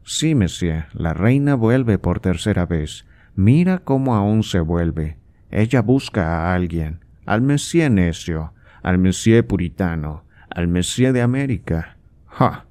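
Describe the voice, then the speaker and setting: A man puts on a sarcastic old aristocrat in an audiobook, a father who scolds and needles his grown son. The voice sits very low, slow and dark, mocking and impatient. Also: animated. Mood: scornful. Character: scornful old male nobleman, impatient father. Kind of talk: audiobook character voice.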